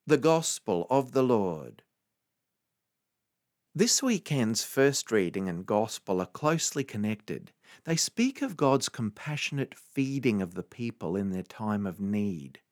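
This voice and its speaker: Slow, solemn man leading a church liturgy. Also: fairly low pitch, sing-song, dry recording, clean studio sound. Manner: measured, solemn delivery. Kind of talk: liturgical chanting, scripture reading and homily.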